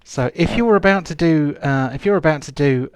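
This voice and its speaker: Halting male game master. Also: on the high side. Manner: halting, many fillers. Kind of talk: narrating a tabletop game.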